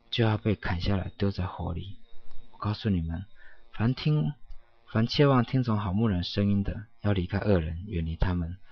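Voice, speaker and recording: A man giving a solemn scripture reading in a preaching cadence, with steady emphatic affirmations. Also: lowish voice, husky, dry recording. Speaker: scripture reader. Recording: dull, dry lo-fi recording.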